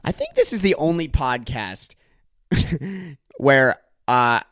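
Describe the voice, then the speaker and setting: A man's voice: medium pitch, lively intonation, slow, fairly bright tone, no echo, clean studio sound. A young man hosting a solo comedy podcast, doing exaggerated mock-angry rants laced with swearing. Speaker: podcast host.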